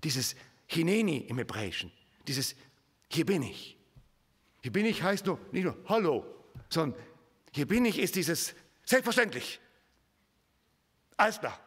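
Husky, animated male preacher in a reverberant hall. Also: fairly high pitch, a little slow, pauses often. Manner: dramatic swings from whispers to emphatic raised lines; addresses the congregation directly with rhetorical questions. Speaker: pastor. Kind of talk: sermon.

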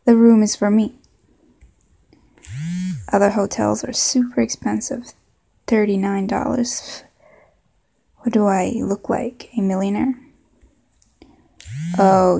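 A woman's voice: mid-range voice, steady tone, slow, creaky, pauses often, dark tone. A woman playing an indignant, pushy customer with a put-on Southern drawl in a comedy scene read-through. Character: indignant, pushy adult pet hotel customer.

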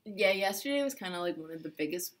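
A young woman co-hosting a casual vlog. Her voice sits a little low but swings widely in pitch, and she keeps the talk going with quick agreeing yeahs. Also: animated. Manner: chatty, frequent agreeing yeahs. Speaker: co-host.

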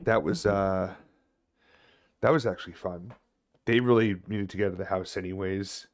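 A man in his thirties chatting casually on a game livestream, rambling haltingly and swearing now and then. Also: deep voice, steady tone. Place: small indoor home room.

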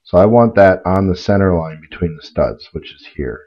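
A man's voice: low-pitched, animated, normal speed, lo-fi sound. A middle-aged man casually explaining a DIY build in his home garage workshop, practical and plain, with small restarts, recorded by a camera a few steps away. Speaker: DIY channel host.

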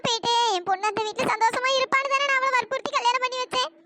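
A voice actor voicing a worried middle-aged cartoon mother who laments her daughter's fate, with a pitch-shifted voice. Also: very fast. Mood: lamenting. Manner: wailing, self-reproaching. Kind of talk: cartoon storytelling dialogue. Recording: loud background noise.

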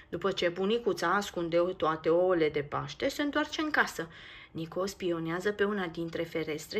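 A woman reading a children's storybook aloud in a lively, expressive way. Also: on the low side, breathy edge. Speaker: narrator. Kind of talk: storybook read-aloud narration.

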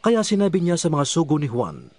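A man's voice: on the high side, huge pitch swings, a little fast, a little mellow. A man reading a Bible narration, telling the story steadily. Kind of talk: scripted narration. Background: music.

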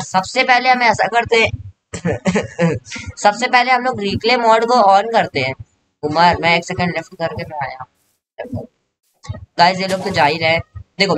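A young man giving excited gameplay commentary as a gaming YouTuber, repeating words in a rush. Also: sits high, slight background noise. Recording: background music under voice.

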